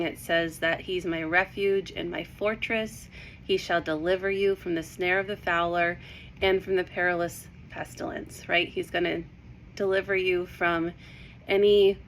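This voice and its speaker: Excited, breathless woman sharing Bible verses. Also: on the low side, a little hiss or hum. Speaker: Bible teacher. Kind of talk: casual devotional talk.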